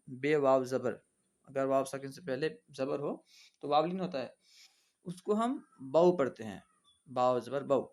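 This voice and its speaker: A man teaching reading, spelling out letters and vowel marks one by one and repeating each word aloud for his students in a patient, instructive way. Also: medium pitch. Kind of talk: classroom reading lesson.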